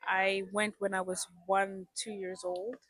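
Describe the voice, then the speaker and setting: A young woman from South Africa, English her first language, speaks as an interview guest. Her talk is casual and hesitant, full of ums and restarts, at a middling pitch. The sound is dry with no room echo. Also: flat delivery, a little slow, fairly bright tone.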